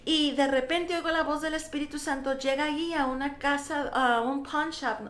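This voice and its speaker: A woman's voice: high voice, normal speed, echoey room. A middle-aged woman pastor, giving her testimony in a radio interview and acting out the dialogue she recalls. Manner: animated storytelling, acting out quoted dialogue. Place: radio studio.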